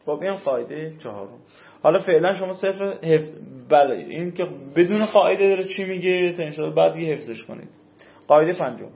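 A man's voice: a little high, vocal fry, slight background noise. Man teaching in an echoey room. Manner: stretches key words, checks understanding. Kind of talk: classroom lesson on Arabic grammar rules. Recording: echoey, slightly dull room recording.

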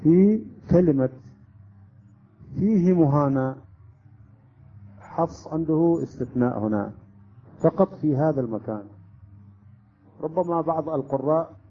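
A man's voice: fairly high pitch, animated, normal speed, long pauses. A man teaching a class, explaining rules step by step and often checking with students. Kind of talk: classroom lesson on Quran recitation rules. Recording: dull lo-fi recording.

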